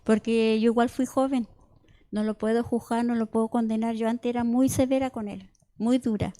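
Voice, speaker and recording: A woman's voice: fairly high pitch, fairly even intonation, moderate pace, dark tone. Woman preaching, conversational. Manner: conversational, repeats words, asks "¿cierto?" often. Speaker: church member preaching. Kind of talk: informal sermon with personal testimony.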